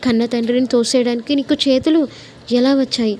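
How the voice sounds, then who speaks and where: A woman's voice: on the high side, fairly even intonation, fairly quick, dark tone, a little hiss or hum, lightly acted. A woman playing a fierce, fiery young heroine. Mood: furious. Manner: fiery, scolding outbursts.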